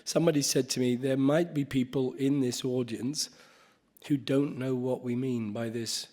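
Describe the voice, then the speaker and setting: Halting man chairing a conference panel. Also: medium pitch, fairly even intonation, mellow. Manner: unscripted, halting with restarts and coughs. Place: conference hall.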